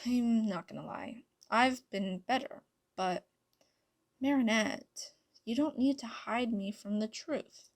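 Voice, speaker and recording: A woman's voice: fairly high pitch, slow pace. A woman voicing an earnest teenage boy who stammers when he is shaken, in a fan reading of a story.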